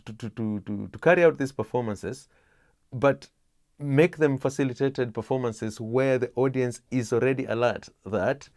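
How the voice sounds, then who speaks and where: A middle-aged man from Kenya, explaining his theatre work in an interview, measured with many pauses and restarts. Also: mid-range voice, darkish tone, no echo, studio quality.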